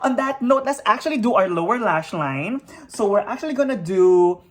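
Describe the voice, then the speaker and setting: Speaking at a normal speed in an animated, mid-range voice, this woman from the Philippines works through a makeup tutorial. She's a vlogger who keeps things hyper and encouraging, sprinkling in bubbly "yes!" and "you know what?" between motivational remarks.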